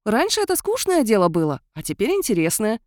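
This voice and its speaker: A man's voice: sits high, wildly swooping pitch, a little fast, dry recording, studio quality, voice pushed up. A woman reading an audiobook, voicing a shrewd, playful young nobleman who reasons things out in a teasing, thoughtful way. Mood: musing.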